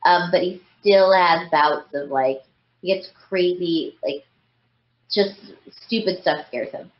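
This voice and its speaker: A woman's voice: on the low side, slow. A woman in her thirties, a voice actress as the guest, talking casually and often filling with "like" and "you know". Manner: chatty, frequent "like" and "you know" fillers. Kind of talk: casual interview chat. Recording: roomy, slightly dull podcast audio.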